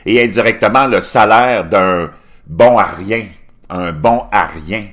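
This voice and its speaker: A man's voice: lowish voice, takes it slowly, fairly bright tone. A man in his fifties from Quebec with a Québécois French accent, mocking and scornful as he rants over a news article on his channel. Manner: scornful, mocking, laughs at his own jokes. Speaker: commentary channel host.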